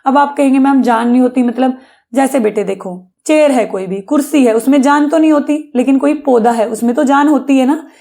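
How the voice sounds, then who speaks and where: A woman's voice: high-pitched, a little fast, gravelly, few pauses, mellow. A woman teacher giving a patient grammar lesson to children, often asking questions and answering them herself. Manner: patient, addresses pupils as beta, asks and answers own questions.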